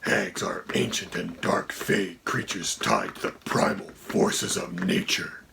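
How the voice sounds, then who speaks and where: A man voicing a haughty dragon co-host who speaks in a gravelly, whispery voice and a dry, condescending tone. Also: low-pitched, slow, background noise, heavily acted. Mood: deadpan. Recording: music playing under the voice.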